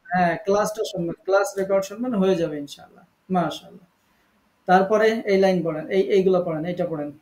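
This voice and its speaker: A man with a fairly high voice leads an online Quran recitation class. He patiently corrects each student and repeats words slowly to model the sounds. The call has a roomy echo. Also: a little mellow.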